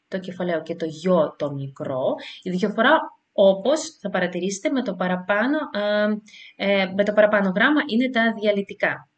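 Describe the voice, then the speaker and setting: A woman teacher leads a beginner language lesson at an unhurried, careful pace. She pauses and hesitates often, and sounds out letters and example words clearly so learners can repeat them. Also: medium pitch, dull audio. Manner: slow, careful explanations with frequent hesitations.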